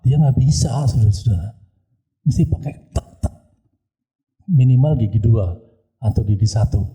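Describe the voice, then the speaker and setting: A man's voice: medium pitch, warm tone, husky, poor audio. A male pastor telling a story during a church service, often turning to address the congregation. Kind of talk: sermon testimony.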